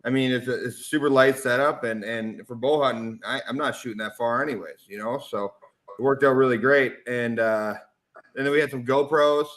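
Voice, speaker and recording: Bright-voiced man telling a rambling story. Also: mid-range voice, fairly even intonation, a little fast. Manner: rambling, self-mocking, laughs often. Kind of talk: casual chat, storytelling.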